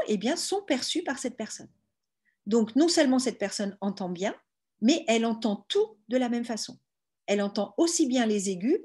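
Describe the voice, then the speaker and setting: A woman's voice: medium pitch, darkish tone, breathy edge. A woman giving an explanatory online lecture on hearing, patiently walking listeners through each point step by step. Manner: patient, explains step by step with frequent "hein" and "bah". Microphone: video call.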